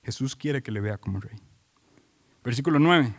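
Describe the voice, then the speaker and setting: A pastor with a medium-pitched, expressive voice at a moderate pace preaches an expository sermon in a large hall. He drives his points home with repeated phrases and questions put to the congregation.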